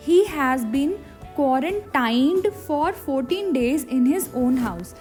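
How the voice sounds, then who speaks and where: Woman, high voice, vocabulary teacher, spells words letter by letter, faint background music. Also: a little mellow. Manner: explains step by step, asking and answering her own questions. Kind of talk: exam vocabulary lesson.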